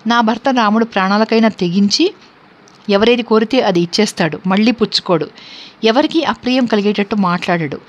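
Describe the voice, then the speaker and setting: A woman voicing a grieving, devoted young princess held captive, in a scripture reading, with steady, earnest recitation and a dull lo-fi sound. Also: mid-range voice, lightly acted. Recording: dull lo-fi recording.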